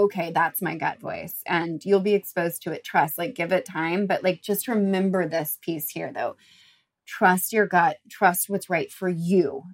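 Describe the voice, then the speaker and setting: A young adult woman hosting a recovery talk, speaking casually with lots of "like" fillers and blunt swearing. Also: lowish voice. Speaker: recovery podcast host. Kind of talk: casual monologue advice.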